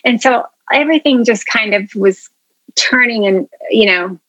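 A woman who founded a food media company tells her story as an interview guest, earnest and chatty with plenty of ums and you-knows. Her voice is a little high and a bit bright, at a measured pace, in a recording with no room sound but dull audio.

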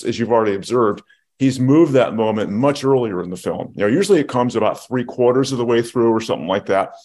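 A medium-pitched, slightly mellow male voice belongs to a film podcast co-host. In casual conversation he works through a movie in a thoughtful, explanatory way, with many restarts.

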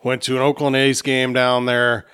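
A man on a podcast who asks the other hosts questions and shares his own memories in a steady way. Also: medium pitch, normal speed, clear, resonant tone. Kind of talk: casual chat.

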